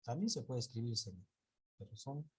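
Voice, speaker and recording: A man's voice: medium pitch, animated, a little hiss or hum. A male teacher giving an online class, patiently drawing out example words and often correcting himself and checking in with students. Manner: patient, drawn-out word examples.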